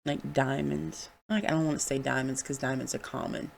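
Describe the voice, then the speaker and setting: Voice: medium pitch, level tone, moderate pace, gravelly. A podcast host giving a candid, heartfelt solo monologue, with casual swearing.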